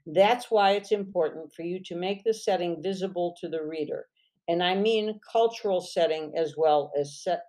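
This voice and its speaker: A woman author teaching fiction writing, reading passages from her own novel aloud in a measured way and often clearing her throat. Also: fairly low pitch, dark tone. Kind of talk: lesson with read-aloud novel excerpts.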